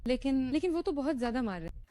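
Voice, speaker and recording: A woman's voice: sits high, animated, fast, dark tone. An actress playing a worried young woman CEO who asks anxious questions.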